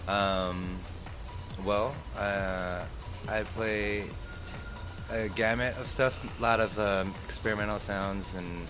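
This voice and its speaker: In a slow, steady, lowish voice, a young guest DJ from Detroit hesitates through a casual interview, dropping plenty of fillers. His manner is easygoing, and music plays under the conversation.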